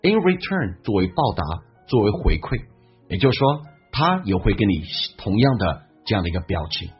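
A man teaching English pronunciation and listening, explaining how words link and repeating phrases slowly as models. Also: fairly low pitch, husky. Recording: dull lo-fi sound with faint background music.

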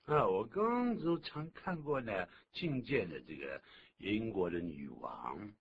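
A lower-voiced man teaching English on the radio, his pitch leaping about as he acts out each phrase. The recording is dull and lo-fi with a faint hiss behind him. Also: unhurried. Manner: animated, exaggerated pitch jumps when demonstrating. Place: radio studio.

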